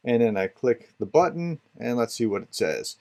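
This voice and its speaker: A man hosting a beginner's software tutorial, chatting casually as he clicks through the steps. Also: mid-range voice, lively intonation, moderate pace, vocal fry. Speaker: tutorial host. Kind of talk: casual screen-share tutorial.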